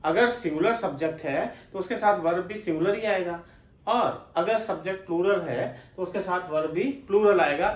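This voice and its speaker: A man's voice: sits high, normal speed, reverberant. A man with an Indian English accent teaching English grammar as a classroom lecture, explaining step by step and asking and answering his own questions.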